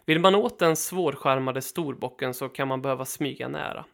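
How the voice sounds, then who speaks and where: A man reading his own hunting trip article aloud in a steady, matter-of-fact way. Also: mid-range voice, gravelly. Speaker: hunting writer narrating his trip report.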